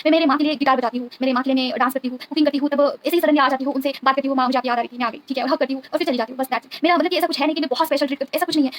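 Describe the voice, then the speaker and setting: Woman spiritual guide, earnest and devout, keeps checking in with listeners; very rapid delivery. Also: high voice, a bit bright, a little hiss or hum. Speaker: tarot reader and spiritual guide. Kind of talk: earnest spiritual talk to viewers.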